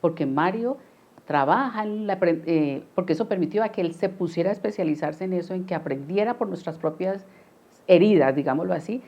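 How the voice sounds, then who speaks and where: A woman recalls hard times softly and hesitantly. Her voice is low and mellow. The recording sounds dull and lo-fi. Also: fairly quick. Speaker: interviewee, a dentist and the lawyer's wife. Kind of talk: testimonial interview.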